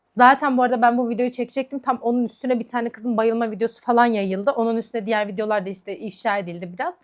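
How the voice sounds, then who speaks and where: A woman's voice: on the high side, fairly even intonation, quick pace. A woman vlogger chatting casually while doing her makeup, ranting in a heated, frank way. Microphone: camera mic.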